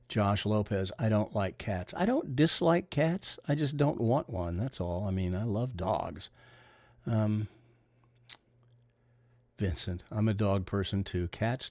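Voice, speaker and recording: Older male bowling coach, Missouri accent, deep nasal voice, casual folksy livestream chatter, dry sound. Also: darkish tone, no room sound. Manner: folksy, rambling, reads comments aloud and answers them. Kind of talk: casual livestream chat reading viewer comments.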